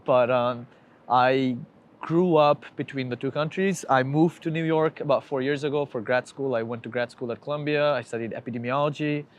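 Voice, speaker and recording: A man's voice: medium pitch, steady tone, normal speed, highs cut off. A young man from Bangladesh, a podcast guest talking candidly and reflectively in a casual interview at home, with frequent fillers. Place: home in New York.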